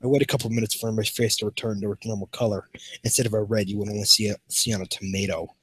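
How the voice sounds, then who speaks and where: A man's voice: lowish voice, fairly even intonation, fast, breathy edge, dry recording. A man hosting a comedy show, reading fan fiction aloud and often tripping over words and restarting.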